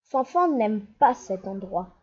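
A woman narrating a children's storybook with a gentle, expressive reading. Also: medium pitch, slow, slight background noise. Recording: slightly dull lo-fi.

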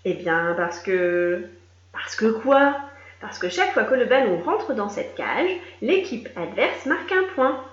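Casting: woman playing a patient, pleading boy captain, lively pitch, echoey lo-fi. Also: measured pace. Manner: earnest, explaining patiently. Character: young male animal team captain, earnest. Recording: echoey room, dull lo-fi sound.

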